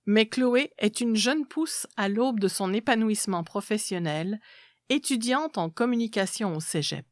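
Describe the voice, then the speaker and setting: A woman's voice: medium pitch, expressive, a little slow, no echo. A woman reading a literary story aloud as a scripted narration.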